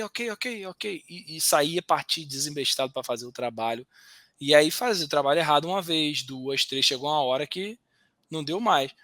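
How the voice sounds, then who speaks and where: Lively bright-voiced man telling stories. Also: a little high, no room sound, clean studio sound. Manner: animated storyteller, slangy, acts out quoted voices. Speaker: host. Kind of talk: casual podcast chat.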